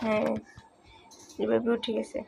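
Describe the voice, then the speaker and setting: A mother, hoarse from a cold, chatting in a home vlog and coaxing her toddler in a sing-song way. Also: a little high, completely flat delivery, normal speed, loud music behind the voice, rough recording. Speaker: mother filming her child. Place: indoors at home.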